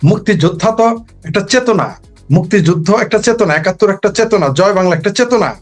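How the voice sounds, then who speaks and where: A man's voice: sits high, fast talker, faint music behind. A man giving an impassioned political talk, rhetorical and emphatic, repeating his points. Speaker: political commentator.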